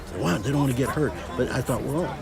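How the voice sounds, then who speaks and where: Filming on his phone at an outdoor football field, a middle-aged livestream host gives loose, joking commentary on a scrimmage. His medium-pitched voice is loud, creaky and fast, and crowd noise from the game fills the background.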